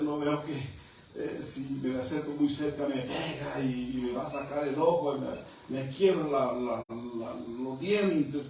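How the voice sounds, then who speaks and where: A man's voice: a little high, creaky, darkish tone. A middle-aged man preaching a fervent sermon in a church, often calling his listeners brother. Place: church hall. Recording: echoey hall from far off, faint noise.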